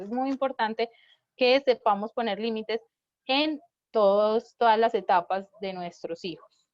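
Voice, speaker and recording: A woman's voice: a little high, dry recording, muffled recording. Woman explaining parenting tips, dry sound. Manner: explanatory, checks in with frequent rhetorical "¿sí?". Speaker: parenting workshop speaker. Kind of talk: live parenting talk.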